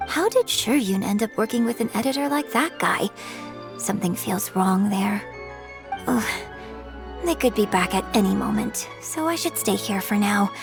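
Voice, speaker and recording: A woman voicing a composed young opera star who speaks in a measured, earnest way, in game audio with faint music. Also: medium pitch, expressive, vocal fry. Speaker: game character. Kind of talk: video game voice acting.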